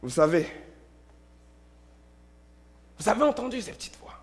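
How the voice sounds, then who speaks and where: A man, a pastor, preaching a sermon in a church, telling stories, repeating words and shifting between loud and hushed delivery. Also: sits high, animated, very fast.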